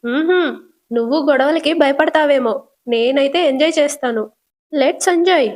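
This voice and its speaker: A woman's voice: high-pitched, moderate pace, a little mellow, close to an everyday voice. A woman voicing a mischievous, bold young woman who loves pranks, in a teasing manner.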